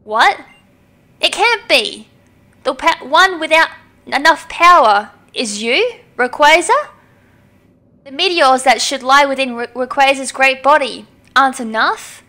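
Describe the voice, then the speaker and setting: A woman's voice: sits high, expressive, slow, sharp tone, heavily acted. A woman reading the lines of a driven young woman who summons a dragon, in an earnest, dramatic way. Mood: distraught.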